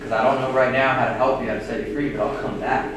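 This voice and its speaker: A man excitedly retelling a ghost hunt to friends, acting out what he said, recorded from far off in an echoey, noisy room. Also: medium pitch, fast. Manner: animated retelling, acting out his own quotes. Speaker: ghost hunting host. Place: old house at night.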